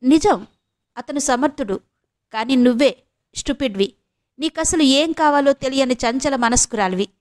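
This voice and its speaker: A firm, sharp-tongued young woman in a spoken audio novel, needling and lecturing her friend. Her voice sits higher than the narration and stays pressed and insistent, as the reading woman puts her on. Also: moderate pace, pauses often, close to an everyday voice.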